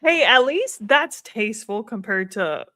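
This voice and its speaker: A woman's voice: a little high, sing-song, measured pace, sharp tone, no room sound, studio quality. A woman co-hosting a book club chat, laughing often and reading from her notes. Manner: giggly, reads from her notes. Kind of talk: casual chat.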